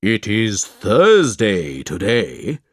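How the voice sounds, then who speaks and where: A stern djinn spirit , played by a man, lays down the law in a deep, unhurried storybook voice. Each word is weighed and drawn out, with a lively rise and fall, close and dry. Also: slightly rough, dry recording, exaggerated voice. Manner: slow, stern, deliberate. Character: solemn, commanding male djinn spirit. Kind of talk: storybook reading.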